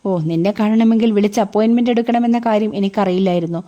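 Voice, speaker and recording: A woman's voice: mid-range voice, quick pace, mellow, dull audio, lightly acted. A woman reading the lines of an easygoing young man who teases his friend with breezy sarcasm. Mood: sarcastic. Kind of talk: audiobook character reading.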